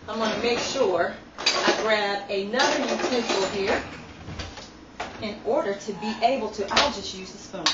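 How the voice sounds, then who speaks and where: A woman's voice: mid-range voice, background noise. Upbeat woman demonstrating a recipe. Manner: chatty, upbeat, instructive. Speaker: home cook demonstrating a recipe. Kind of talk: home cooking demonstration. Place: home kitchen. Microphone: phone camera from a distance. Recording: echoey kitchen, distant lo-fi phone video. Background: clattering dishes and cutlery.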